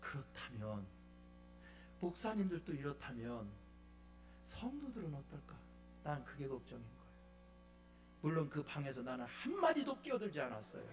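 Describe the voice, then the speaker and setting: Animated middle-aged man preaching a revival. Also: fairly high pitch, moderate pace, pauses often, soft background music. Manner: animated, quizzes the congregation with questions; colloquial, joking asides. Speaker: guest preacher, bishop. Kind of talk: revival sermon with storytelling. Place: church sanctuary.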